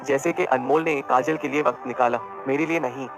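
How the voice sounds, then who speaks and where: Teary loyal young woman, voiced by a guy, gravelly tone. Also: mid-range voice, fairly even intonation, a little fast, music in the background, pitched below the performer's own voice, close to an everyday voice. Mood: sad. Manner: tearful, defensive pleading.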